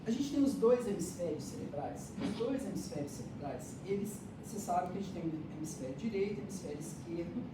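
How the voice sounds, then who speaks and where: A woman lecturer teaching hypnosis and neuroscience explains things step by step in class, checking that students keep up. Her voice is on the low side, animated and fairly quick, with hardly any pauses, recorded from a distance in an echoey room with audible noise.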